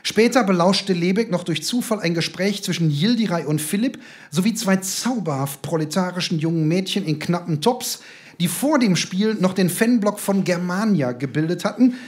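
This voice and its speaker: Man, comic story reading, fairly high voice, deadpan and lively. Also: moderate pace. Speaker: author reading his own story.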